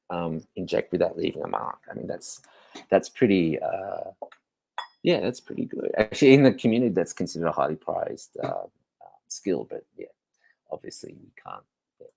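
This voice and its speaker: A man's voice: deep voice, vocal fry, a little mellow, breathy edge, no echo. A man hosting a show, giving a candid, rambling confessional monologue and swearing freely. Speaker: host.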